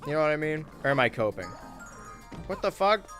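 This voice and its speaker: A young man casually chatting on a gaming livestream, wry and relaxed, reading chat aloud while he plays. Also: fairly high pitch, a little fast, faint music behind. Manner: laid-back, wry, reads chat aloud while playing. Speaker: streamer and YouTuber.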